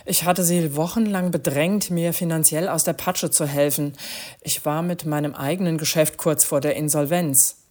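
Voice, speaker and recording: A woman's voice: sits low, fairly even intonation, normal speed. A woman doing a meek, guilty man. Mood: confessing. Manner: sheepish, hushed. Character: meek, guilty middle-aged man, thin voice. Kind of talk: storybook reading.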